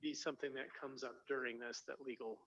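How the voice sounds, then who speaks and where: A man serves as the city attorney at a council meeting, and his voice comes into the room through a phone speaker. He talks in a hesitant, hedging way, with fillers as he weighs his answer. The sound is dull and lo-fi, with a mid-range pitch. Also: steady tone, fast, a bit bright. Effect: heard over a phone speaker into the room. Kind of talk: legal advice in a council meeting.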